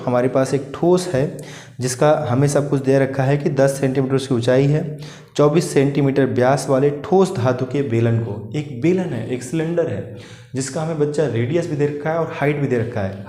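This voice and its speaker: A man teaching a maths lesson for exam students, asking questions and answering them himself as he goes through each step. His voice is dark and mellow and sits at an ordinary pitch for a man. The room around him is noticeably echoey. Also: normal speed. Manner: calls his students "children" warmly.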